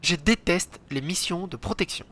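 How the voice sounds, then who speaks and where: Man, let's play commentary, high voice, bright and forceful tone, swears often, sudden loud outbursts. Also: normal speed. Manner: chatty, swears a lot, jumps into loud exclamations. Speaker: gaming channel host.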